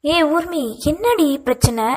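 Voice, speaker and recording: A woman voicing a bold, bossy young woman in an audio novel, speaking with brisk, insistent questions. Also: very high voice, very animated, a little mellow, voice pushed up, full character voice.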